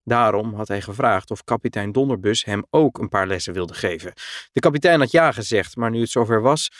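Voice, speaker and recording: Guy reading a kids' story aloud, clear and expressive, dry close sound. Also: lowish voice, fairly quick, no room sound. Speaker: narrator.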